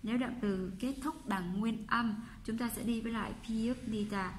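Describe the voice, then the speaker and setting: A woman with a Vietnamese accent, a Korean teacher explaining textbook exercises and patiently repeating each example sentence slowly. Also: a little high, steady tone, a little hiss or hum.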